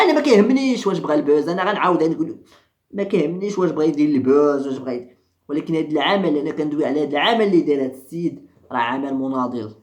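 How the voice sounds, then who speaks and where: A social commentary vlogger with a Moroccan accent delivers a fiery rant, his voice high-pitched and echoing around the room. He keeps repeating himself and fires rhetorical questions at his viewers.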